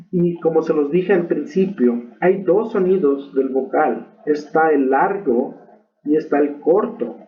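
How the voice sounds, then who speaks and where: Guy teaching english, talks real slow, tinny phone-ish sound. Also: sits high. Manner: slow, patient explaining with frequent "ok?" check-ins. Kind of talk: recorded online lesson.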